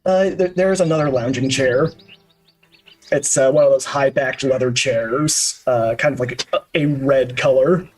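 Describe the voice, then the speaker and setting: A man's voice: mid-range voice, a little slow, soft background music, rough recording. A man narrating scenes as a tabletop game master, descriptive and full of hesitant uhs. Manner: descriptive, with frequent uhs and restarts.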